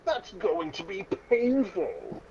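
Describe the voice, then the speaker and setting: Very animated and high-pitched, the man reads slowly through a childhood story, playing it dramatically mock-serious while nearly laughing. Crowd noise and clear background noise sit on a dull, lo-fi recording.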